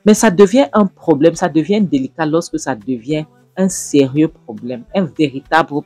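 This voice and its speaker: Guy recapping a drama series, lively storytelling, dry close sound, faint music behind. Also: fairly high pitch, moderate pace, breathy edge, no echo. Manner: animated storytelling, speaking straight to viewers. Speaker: series reviewer. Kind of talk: retelling and commenting on a drama series.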